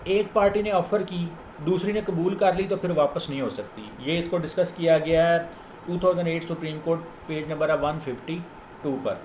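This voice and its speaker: A Pakistani man with a slightly high voice teaches in an echoey room with faint background noise, speaking at a moderate pace with a darkish tone. Like a lawyer walking listeners through the rules, he gives an informal, didactic lecture that cites case law and repeats key points for emphasis.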